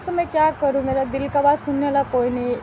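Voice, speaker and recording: A woman's voice: sits high, fairly even intonation, quick pace, background noise. A middle-aged woman talking to her viewers in a home vlog, plaintive and complaining, often going back over the same points. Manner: plaintive, complaining, repeats herself. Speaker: vlogger. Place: at home by a wood stove, outdoors.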